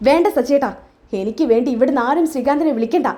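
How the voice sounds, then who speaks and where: A woman's voice: high voice, quick pace, mellow, natural voice. A woman voicing a hurt young wife who speaks in bitter, defiant complaints.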